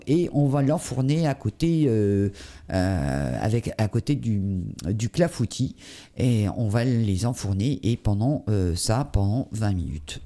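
A man's voice: on the low side, mellow. A man hosting a cooking show, talking through a recipe with many hesitations and fillers. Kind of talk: live cooking demonstration.

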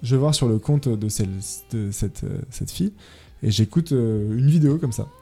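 A young man with a deeply dark, mellow voice tells his story hesitantly, stopping often on fillers. Faint music plays behind him. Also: expressive, normal speed, vocal fry, breathy edge. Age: young adult. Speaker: music producer guest. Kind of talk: casual radio interview.

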